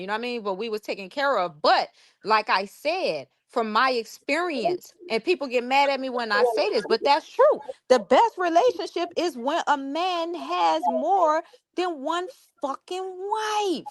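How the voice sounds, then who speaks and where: Outspoken high-voiced woman in her forties. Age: 40s. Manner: outspoken, frank and exclaiming. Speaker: guest panelist. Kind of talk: casual livestream chat.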